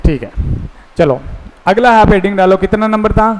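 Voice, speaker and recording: Male teacher, high clear voice, keeps quizzing the class, echoey hall. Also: normal speed. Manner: coaxing call-and-response questioning. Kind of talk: classroom lecture.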